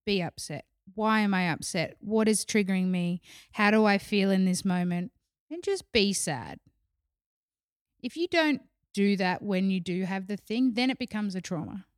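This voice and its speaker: A woman's voice: mid-range voice, no room sound, studio quality. A young adult woman co-hosting a podcast, giving earnest advice in casual chat. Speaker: podcast co-host.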